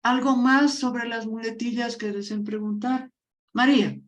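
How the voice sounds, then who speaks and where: A woman's voice: a little high, steady tone, unhurried. A woman teacher from La Paz with a Bolivian accent, explaining a lesson and calling on students by name. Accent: Bolivian Spanish (La Paz).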